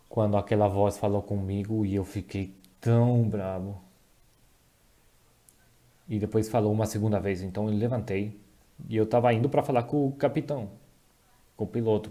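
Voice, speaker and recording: A man speaks a dubbed testimony in a low, deeply mellow voice. He keeps stopping to restart and correct himself as he tells it, so the delivery sounds halting. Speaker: voice-over interpreter dubbing a testimony.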